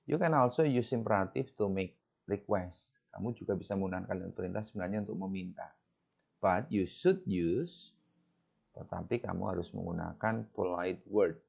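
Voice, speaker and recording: A man's voice: low voice, creaky, darkish tone, breathy edge. A man with an Indonesian accent teaching English grammar, patiently explaining in a bilingual lecture and reading the English examples aloud. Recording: dull lo-fi recording.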